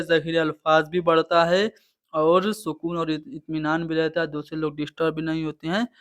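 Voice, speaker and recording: A man's voice: a little high, a bit bright. A man teaching an exam-prep lesson, explaining each answer step by step and often checking in with the class. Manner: explains answers step by step, repeating "theek hai". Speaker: Urdu exam tutor. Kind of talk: online exam-prep lecture.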